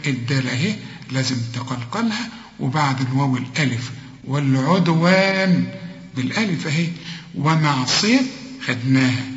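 An Egyptian man gives a recitation lesson in a somewhat high voice. He draws each word out slowly, then explains and corrects it. The room is echoey with a long reverb tail, and the recording sounds dull and lo-fi. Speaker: Quran recitation teacher. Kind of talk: tajweed lesson.

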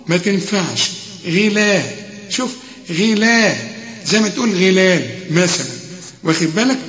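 A man with an Egyptian Arabic accent gives a tajweed lesson in a fairly high voice, reciting each word, then correcting and explaining the rule. He sounds like he is in a reverberant hall. The recording is dull and muffled. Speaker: Quran recitation teacher.

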